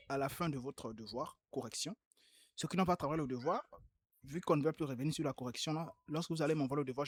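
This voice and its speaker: A man's voice: a little high, slightly rough, no room sound. Patient man correcting homework aloud. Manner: patient, repeats key points emphatically. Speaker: Arabic teacher. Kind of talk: online class, correcting homework.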